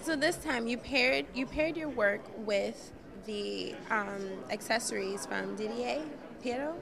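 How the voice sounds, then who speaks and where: A woman's voice: fairly high pitch, measured pace, creaky. A young woman hosting a red-carpet fashion interview, upbeat and affirming, speaking into a handheld mic at a hotel event. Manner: upbeat, affirming, laughs often. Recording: crowd noise behind. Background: crowd chatter.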